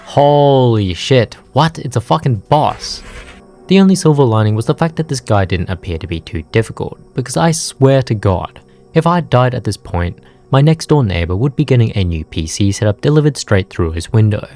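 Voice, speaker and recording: A young man narrating his gameplay in a scripted, comedic way, with sarcastic, profane jokes told in a deadpan manner. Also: fairly low pitch, brisk, faint music behind. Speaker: gaming video narrator.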